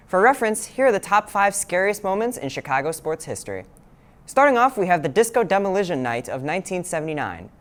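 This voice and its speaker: A young male reporter narrates a scripted sports feature. He leaps up in pitch to announce each new entry, then settles back down into steady storytelling. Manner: animated, swooping emphasis on each new item. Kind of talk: scripted news package narration.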